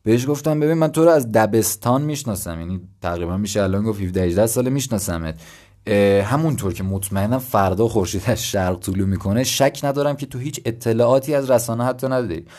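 A young man from Iran talks through his ideas on his own podcast in a relaxed, conversational way. His voice sits low, and he explains step by step, thinking aloud and poking fun at himself now and then. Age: 20s. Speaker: podcast host. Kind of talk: casual solo podcast talk.

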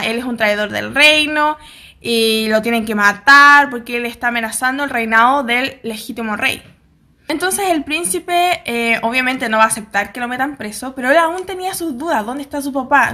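A young Chilean woman with a Chilean accent chattily recaps the plot of a drama, performing the characters' lines and tossing in slangy asides. Her voice is on the high side, pushed and bright.

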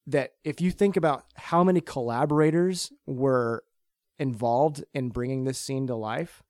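Rambling, excited podcast guy. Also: mid-range voice, a little slow, no echo. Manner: rambling, enthusiastic, many fillers. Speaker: podcast host. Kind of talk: casual chat.

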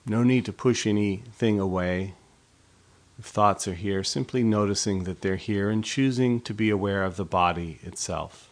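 The meditation instructor's fairly low voice walks listeners through a body scan, calm and measured, with gaps left between his phrases.

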